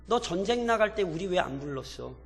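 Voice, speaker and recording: A man's voice: high voice, lively intonation, brisk, long reverb tail. A man acting out a proud, quarrelsome tribesman. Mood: accusing. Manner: scolding, accusing, blunt informal talk. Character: indignant Israelite tribesmen, men, quarrelsome and proud.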